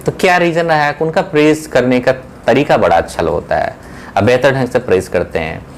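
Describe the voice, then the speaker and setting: Guy teaching english phrases, repeats each one slow, asks questions, faint hiss behind. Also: medium pitch. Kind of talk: classroom lesson explaining English phrases in Hindi.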